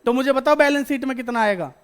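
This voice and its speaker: A man's voice: very high voice, fast talker, a bit bright, smooth. Man, classroom teacher, repeats questions, answers them himself. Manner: addresses students as beta. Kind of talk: classroom lecture.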